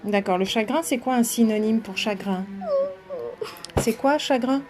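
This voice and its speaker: A woman with a somewhat high, unhurried voice hosts an informal bilingual session, guiding a child's reading and translating between two languages. She explains things encouragingly while chatting with live viewers.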